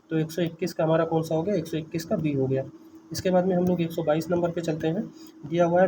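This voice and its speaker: A man tutoring students through an exam paper's answer key, speaking. He repeats each answer back as a quick question to himself. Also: a little high, background noise.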